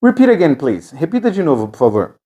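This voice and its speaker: A woman with a Brazilian accent teaches English to the camera, repeating each phrase slowly for students to copy. Her voice sits low and mellow, but her pitch moves in a lively sing-song. She speaks at a slow, deliberate pace. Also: highs cut off. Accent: Brazilian Portuguese. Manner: slow, drilling repetition, switches between Portuguese and English. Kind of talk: online video lesson. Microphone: camera with ring light.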